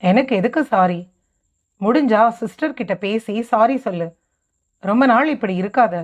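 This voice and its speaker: Woman reading a blunt young man, frank best friend, voice pitched lower, dull lo-fi sound. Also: expressive, moderate pace. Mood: earnest. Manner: frank, pleading, brotherly. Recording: dull lo-fi recording.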